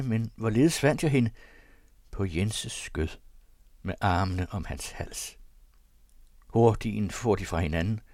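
A man with a fairly low voice reads an old diary aloud in the first person. His delivery is emotional, sinking into hushed confession and rising into agitated outbursts. The sound is dry and close. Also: dry recording. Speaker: reader.

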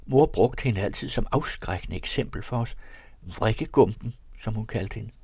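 A man reading aloud, voicing a wry, sensible middle-aged sister in a brisk, slightly raised tone. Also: on the low side, warm tone, breathy edge, no room sound, voice pushed up. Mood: curious.

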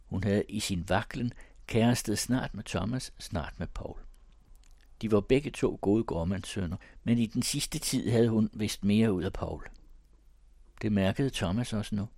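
A man reading a classic story aloud in a measured, even tone. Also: on the low side, dry recording, studio quality. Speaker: audiobook reader. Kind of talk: storybook narration.

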